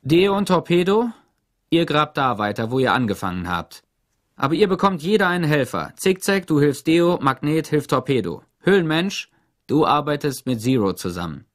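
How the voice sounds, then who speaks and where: A man's voice: a little high, very animated, normal speed, pitched above the performer's own voice. A man voicing a stern, impatient woman who runs a work camp, giving orders in a commanding way. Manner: commanding, insistent.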